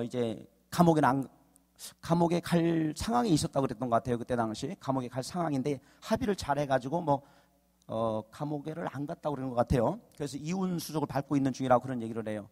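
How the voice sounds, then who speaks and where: A man's voice: fairly high pitch, darkish tone. A man preaching a sermon as a guest pastor, telling a story and then rising to emphatic exhortations. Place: church sanctuary. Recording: long church reverb.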